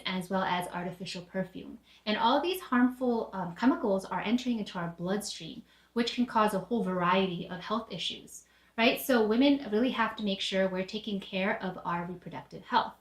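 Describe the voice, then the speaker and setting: A woman presenting a product in an upbeat, chatty demo, with the odd filler. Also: medium pitch. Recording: echoey room.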